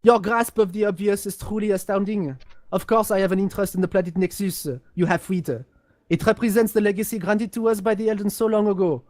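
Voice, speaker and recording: A man plays a haughty, highborn gentleman of a galactic empire in a game lore role-play, his high, natural voice recorded close and dry. Proud, condescending, and pompous, he chooses his words haltingly while keeping a steady tone.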